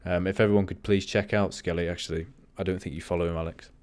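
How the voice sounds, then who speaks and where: A man hosting a livestream, chatting casually in a monotone way and often drifting off topic. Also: deep voice, fast, dry recording. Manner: rambling, easily sidetracked. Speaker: livestream host.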